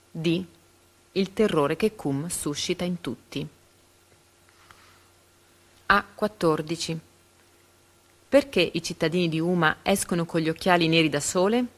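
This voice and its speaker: A woman reading reading-comprehension quiz questions and answer options aloud, pausing carefully after each letter. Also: lowish voice, fairly bright tone.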